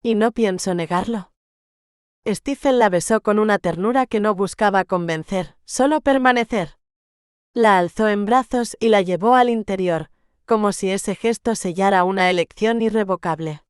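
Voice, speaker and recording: A woman narrating a romance novel audiobook in a measured, gentle storytelling manner. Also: mid-range voice, smooth, no room sound, studio quality.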